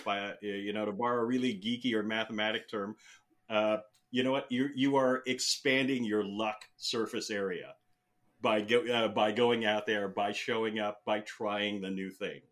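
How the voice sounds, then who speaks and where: Speaking in a mid-range voice with a fairly bright tone, a Filipino man in his fifties rambles through his own story as an interview guest. The talk is casual and chatty, packed with fillers and restarts.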